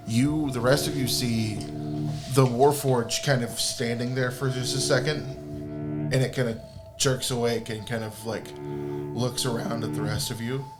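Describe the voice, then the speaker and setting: A man's voice: mid-range voice, steady tone, a little slow. A man narrating as game master of a tabletop game, rambling and restarting, full of "like". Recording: background music.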